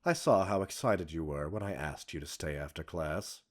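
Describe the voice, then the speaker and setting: Speaking at a moderate pace with an extremely low voice, a man performs an ASMR roleplay audio drama as a smug, arrogant male professor. The character is erudite, teasing and flirtatious yet condescending, talking like a scientist.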